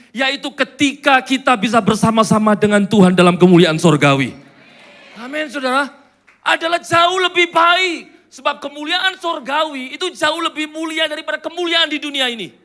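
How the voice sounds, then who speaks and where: A pastor preaching in church, joking and chatting with the congregation between points. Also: male voice, very high voice, bright, forceful tone. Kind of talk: sermon.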